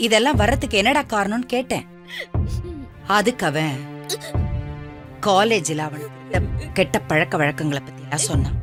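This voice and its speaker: An actress playing a stern, caring hospital doctor, firm and coaxing, in film drama dialogue. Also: female voice, on the low side, lightly acted.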